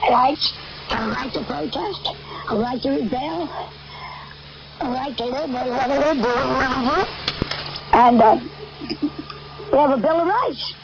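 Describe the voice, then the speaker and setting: A high-voiced older American woman rambles through a sermon about the end times, heard over shortwave radio that sounds muffled and plainly noisy. She repeats herself emphatically and pauses haltingly between phrases.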